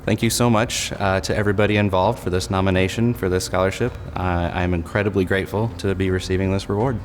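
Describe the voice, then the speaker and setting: A man speaking thoughtfully with many pauses about his patients in an interview. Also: low voice, fairly even intonation. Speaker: dentist, scholarship recipient. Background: soft background music.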